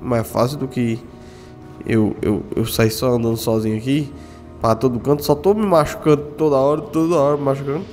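A man, doing animated game roleplay full of slang and tough-guy banter. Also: mid-range voice, a little fast. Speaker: gamer doing roleplay as a gorilla's son. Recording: reverberant with faint background music.

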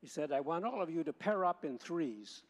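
Priest in a long church echo. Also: male voice, fairly high pitch, animated, normal speed. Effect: long church hall echo. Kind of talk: gospel reading and homily. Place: large church. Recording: long reverb of a large church.

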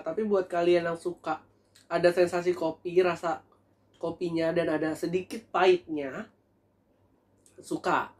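A young man does a casual food review vlog, sitting at a table in a small room and talking to viewers in a lively, chatty way. He has a high voice.

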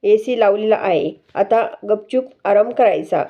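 A woman's voice: medium pitch, unhurried, highs cut off, natural voice. A woman voicing a bossy young wife who scolds her husband, in a stern, commanding tone. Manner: stern, commanding, read out plainly.

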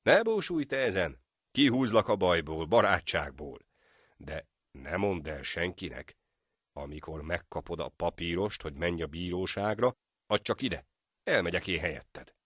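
A man voicing a clever, cheeky village friend in an animated folk tale, talking in a lively, sly and proud way. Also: low-pitched, breathy edge, no echo, studio quality, heavily acted. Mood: sympathetic.

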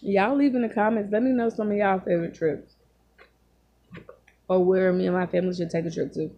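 A woman in her thirties telling casual stories while she eats, talking with her mouth full and pausing to chew, recorded on a phone in a room at home. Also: mid-range voice, fairly even intonation, dark tone, highs cut off. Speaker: vlogger. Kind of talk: casual storytelling while eating. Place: small home room, indoors. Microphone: phone at arm's length.

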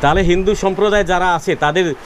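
A man hosting a walking street vlog in an outdoor city market, chatting with shopkeepers and speaking straight to his viewers in a lively way. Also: high voice, fast, noisy background. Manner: lively, keeps addressing the audience directly. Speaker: street vlogger host.

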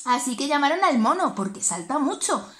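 A woman's voice: high-pitched, a little fast. Teacher lady reading a kids' story, sing-songy, swoops up and down a lot. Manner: animated, sing-song and expressive. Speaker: preschool teacher. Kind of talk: storytelling for small children.

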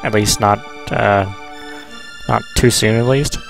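A man's voice: on the low side, steady tone, slow pace, vocal fry. A man giving casual, rambling, joking commentary as he plays a video game. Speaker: let's player. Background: video game music.

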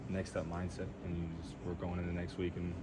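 A man's voice: sits low, completely flat delivery, brisk, very noisy. A young man, a college quarterback, answering reporters' questions after a game, plain-spoken with many fillers, in a weight room. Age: young adult. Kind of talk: postgame press Q&A. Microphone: handheld reporter mics.

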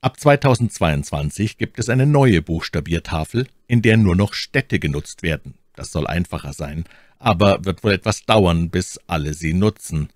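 Male tutor for explainer narration, low voice, close and dry sound. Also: expressive, moderate pace, dry recording. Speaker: German language teacher. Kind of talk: instructional voice-over addressing learners.

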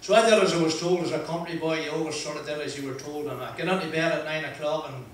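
A steady, somewhat high male voice belongs to an older Northern Irish motivational speaker sharing self-deprecating stories with a handheld mic in a large wood-panelled room. He chats freely, with frequent "uh" pauses and laughs. His voice comes from a distance in an echoey hall, over slight background noise.

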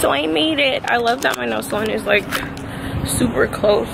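Woman vlogger, bright and chatty, higher voice, handheld camera with loud traffic noise behind. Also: moderate pace, vocal fry. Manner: chatty, bubbly, says "like" a lot. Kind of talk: casual vlog chat to camera. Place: in her car and outdoors around town.

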